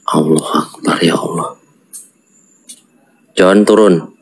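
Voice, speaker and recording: A man's voice: sits low, fairly even intonation, slow pace, gravelly, breathy edge, rough recording. A man hosting an unscripted horror vlog, talking urgently and crying out religious exclamations. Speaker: horror vlog host, spiritual guide.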